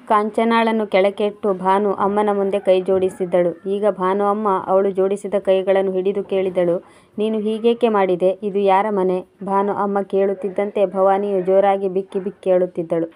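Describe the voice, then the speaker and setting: Flat, mellow-voiced woman storyteller. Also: mid-range voice, moderate pace. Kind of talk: scripted narration.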